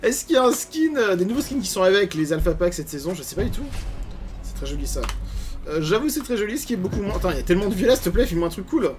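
A man giving casual gameplay commentary as a gaming YouTuber, animated, grumbling and swearing at bad loot. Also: sits high, racing, soft background music.

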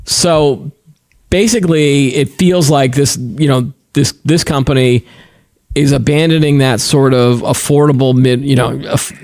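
A man's voice: medium pitch, fairly even intonation, measured pace, a little mellow, no room sound. Chatty middle-aged man, dry close sound. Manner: rambling, self-correcting, chatty. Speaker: podcast co-host. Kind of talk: casual tech chat.

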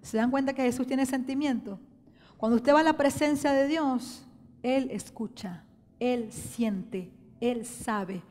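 High-voiced woman pastor preaching. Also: takes it slowly. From Venezuela. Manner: impassioned preaching, swinging between loud emphasis and hushed tones. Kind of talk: sermon. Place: church. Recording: reverberant church hall with soft music.

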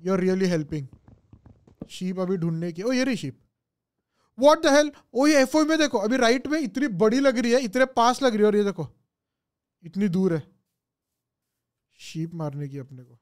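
A man's voice: high-pitched, a little mellow. A young man, streaming a game in a casual way, thinking aloud and answering viewers' comments with English phrases mixed in. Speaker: gaming streamer. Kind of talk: casual live gameplay chat.

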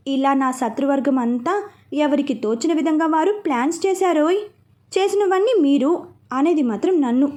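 A woman's voice: high-pitched, a little mellow. A woman reading a romance novel aloud, narrating it and speaking every character's lines herself. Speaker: storyteller. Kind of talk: audiobook narration.

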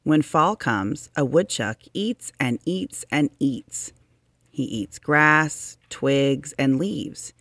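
A narrator with a mid-range, slightly bright voice reads a children's science book aloud, with no echo. The reading is deliberate and expressive, stretching out words for emphasis for young listeners.

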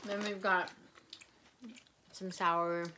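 Bright-voiced young woman chatting, eating sour candy. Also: fairly low pitch, little pitch movement, drawn-out words, slight background noise. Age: young adult. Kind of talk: casual chat, candy taste test. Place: small room, indoors. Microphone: camera a short distance away.

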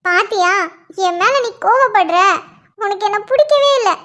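With a very high-pitched, expressive, fairly bright voice at normal speed, a woman plays a cartoon girlfriend character who is young, teasing, and nagging, twisting every response into a complaint.

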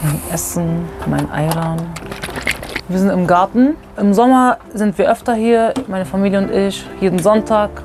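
A woman's voice: mid-range voice, moderate pace. Young woman in an outdoor interview. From Germany. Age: 20s. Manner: candid, casual, slangy. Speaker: patient telling her story. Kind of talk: documentary interview. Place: garden outdoors. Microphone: lapel. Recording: music bed behind the voice.

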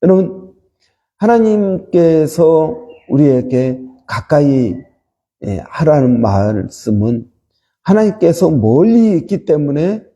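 A man pastor leading an early-morning prayer sermon, slow and halting with many fillers. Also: on the high side, big pitch swings, warm tone, slightly rough, long reverb tail, highs cut off.

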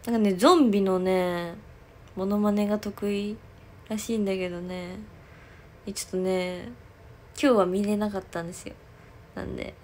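A woman's voice: medium pitch, steady tone, moderate pace, long pauses, a little mellow, a little hiss or hum. Giggly young woman chatting on a stream. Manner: giggly and rambling, with many fillers. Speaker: idol livestreamer. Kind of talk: casual livestream chat.

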